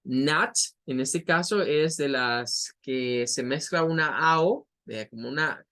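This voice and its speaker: A man's voice: on the high side, slow, sharp tone. A male teacher giving an online class, patiently explaining English vowel sounds and repeating example words to model them.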